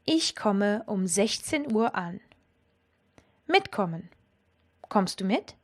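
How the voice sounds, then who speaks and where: A woman gives a language lesson, explaining clearly and enthusiastically and carefully pronouncing German example sentences. Her mid-range voice is very animated and her pace slow.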